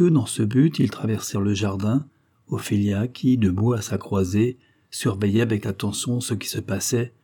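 A man reading a historical novella aloud in measured, even storytelling. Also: on the low side, slightly rough. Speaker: audiobook reader. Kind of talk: scripted narration of a historical novella.

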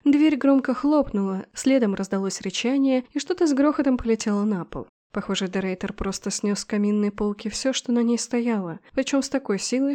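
A woman narrating a first-person fantasy audiobook in a steady, expressive storytelling voice. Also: on the high side.

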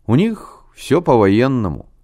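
A man reading a storybook, voicing an eager, bossy schoolboy who talks fast and insistently. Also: medium pitch, wildly swooping pitch, dark tone, voice pushed up, heavily acted.

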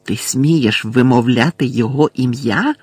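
A man voicing a fanatical dark witch who screeches and hisses with rage in an audiobook. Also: medium pitch, measured pace, husky, no echo. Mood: hissing.

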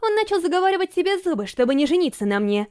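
Brief: a woman reading as a hot-tempered young princess, raised and lively, quick to scold. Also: extremely high pitch, pitched above the performer's own voice. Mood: commanding. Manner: indignant, scolding. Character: fiery young princess, sharp-tongued and stubborn.

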